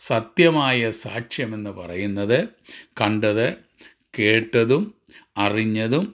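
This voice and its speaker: A man preaching a sermon and leading a prayer, speaking in measured phrases with frequent calls of praise. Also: on the low side, a bit bright. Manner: measured preaching, repeated "praise the Lord" and "hallelujah".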